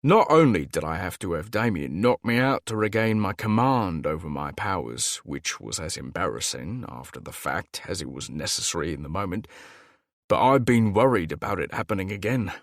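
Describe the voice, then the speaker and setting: A man narrating a fantasy audiobook in steady, first-person storytelling style. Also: low-pitched, normal speed, no echo, studio quality. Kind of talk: scripted narration.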